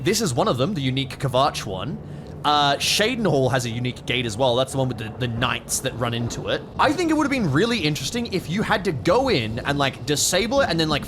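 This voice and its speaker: A man's voice: a little high, noisy background. A man giving casual, sweary gameplay commentary as a streamer, rambling through his opinions. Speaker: video game streamer.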